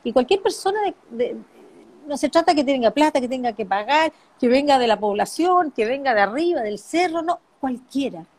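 A middle-aged woman in an interview, speaking softly and reflectively about grief, often repeating phrases for emphasis. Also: high-pitched, expressive, moderate pace. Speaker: interviewee, bereaved mother and author. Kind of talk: emotional personal interview.

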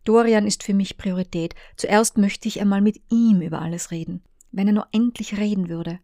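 A woman reading the messages of a conflicted woman, in a hushed, partly whispered delivery. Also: mid-range voice, fairly even intonation, normal speed, no room sound, clean studio sound, natural voice. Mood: tense. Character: Ines, a torn woman, former lover.

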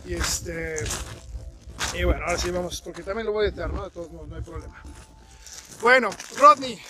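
A man's voice: high voice, fairly quick. A man hosting a podcast, chatting casually with many fillers and restarts while walking outdoors in the snow. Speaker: podcast host. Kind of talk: casual interview chat. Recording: outdoor recording with crunching snow noise.

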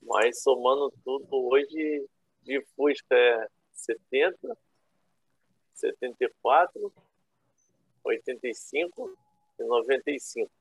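A man's voice: mid-range voice, expressive, slow, long pauses, slightly rough. A Brazilian man in his thirties with a Rio accent tells casual, rambling, slangy stories as a guest on a remote call. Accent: Rio de Janeiro Brazilian. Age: 30s. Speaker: guest, classic car owner. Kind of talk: casual storytelling chat. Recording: roomy, thin phone-like internet call.

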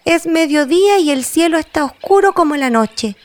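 A woman voicing a small, fretful boy wizard in a storybook tale, speaking high and anxious. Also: expressive, normal speed. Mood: dismayed.

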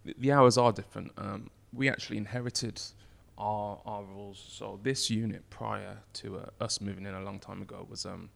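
British male brewer as interview guest, croaky and gravelly from last night's drinks, lowish and bright, loose hesitant chat. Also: steady tone, normal speed, few pauses. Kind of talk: casual chat. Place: brewery tap room, indoors. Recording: echoey unit, uneven mic distance.

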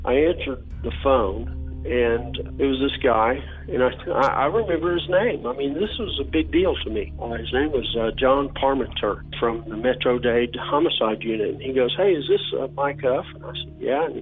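A retired police detective, a man, recalls an old case in a halting interview, with many fillers and restarts. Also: medium pitch, slightly rough, soft background music. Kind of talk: interview recollection. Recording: phone-like interview recording.

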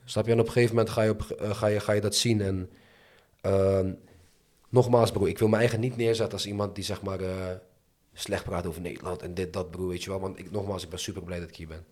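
A man's voice: low-pitched, fairly even intonation, fast, darkish tone. A young man speaking in casual Dutch street slang, chatting candidly as an interview guest. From moved to the Netherlands from abroad as a child.

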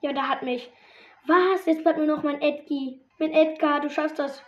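A high-pitched woman narrates her game as she plays, exclaiming and groaning at every turn. Her voice comes through a slightly dull, lo-fi mic. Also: moderate pace. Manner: excitable, reacts loudly to the game. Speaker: gamer. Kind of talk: gameplay commentary.

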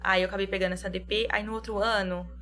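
A young woman speaks at an ordinary pitch in a casual chat. She explains things calmly and plainly. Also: fast.

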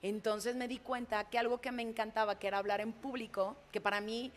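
A woman with a Mexican accent, a public speaker and announcer, telling anecdotes in a lively, colloquial, frank way in conversation. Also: fairly high pitch, fairly quick, slight background noise. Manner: expressive, imitates heartbeats and screams. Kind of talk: animated storytelling in conversation.

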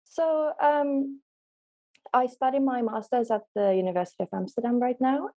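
A woman's voice: fairly high pitch, normal speed, warm tone, highs cut off. A young woman from Finland, a native Finnish speaker, answering as an interview guest over a remote call, hesitant with many ums. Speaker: guest, law student. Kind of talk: casual interview.

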